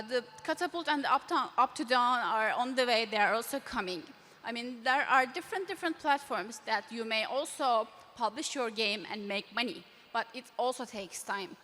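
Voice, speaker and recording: A woman giving a conference presentation in halting, non-native English, recorded in a noisy, echoing hall. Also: high voice, bright, forceful tone. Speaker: conference speaker from a game company. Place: large event stage. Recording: noisy hall with long reverb.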